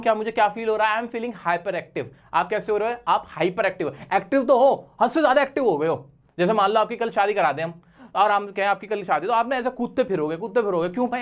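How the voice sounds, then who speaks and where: A young man teaching vocabulary in a playful, chatty way, often asking his viewers questions. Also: high voice. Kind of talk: energetic exam-prep lesson.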